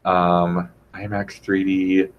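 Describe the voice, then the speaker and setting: A young man in casual chat, rambling and animated as he retells things, heavy on "like". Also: sits low, slow pace, muffled recording, a little hiss or hum.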